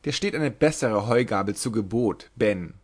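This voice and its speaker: A sharp-tongued young woman, as a male storybook reader puts her on, bold and mocking. Her retorts come teasing and quick, and at times she drifts into half-chanted rhymes. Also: medium pitch, lively intonation, natural voice.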